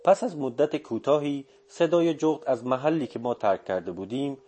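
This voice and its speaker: A man narrating a story in a calm, measured reading voice. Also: mid-range voice, a little hiss or hum. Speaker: audiobook narrator. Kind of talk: scripted narration.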